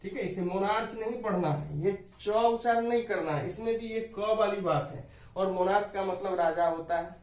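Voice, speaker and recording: A man's voice: high-pitched, normal speed, darkish tone, reverberant, recorded from a distance, low-quality recording. A man teaching an English grammar lesson to students, explaining each rule patiently and often addressing them as dear students.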